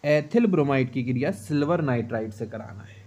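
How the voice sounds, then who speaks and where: Mellow-voiced man teaching chemistry. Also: medium pitch, fairly quick. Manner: explains step by step, asks and answers his own questions; steady rhythm of short checks to the class. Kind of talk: exam-prep lesson.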